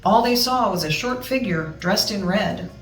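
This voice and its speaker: A woman's voice: mid-range voice, expressive, moderate pace. A woman reading a children's storybook aloud expressively, with chatty asides to her listeners. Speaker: storybook reader. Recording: roomy, distant mic, music behind.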